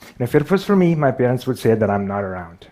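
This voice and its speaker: A public speaker with a Pakistani accent addresses an audience at mid-range pitch, his dark-toned voice swinging widely in pitch. He tells personal, self-deprecating stories, sometimes in halting phrases.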